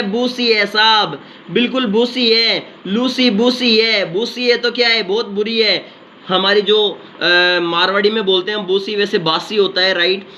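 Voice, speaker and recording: A man teaching vocabulary in an energetic exam-prep lesson, chanting memory tricks in a sing-song way. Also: sits high. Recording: slightly dull lo-fi sound with faint noise.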